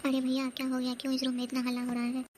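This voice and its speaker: A woman voicing an older, sharp-tongued mother-in-law in a cartoon comedy, firm and scolding. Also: high voice, completely flat delivery, rapid-fire, slight background noise, natural voice. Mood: urging.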